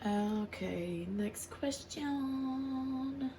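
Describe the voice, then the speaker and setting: This American craft channel host in her forties speaks extremely slowly in a high-pitched voice with a dark tone. She rambles and chats, laughing easily, while answering tag questions and working on a craft project. There is slight background noise.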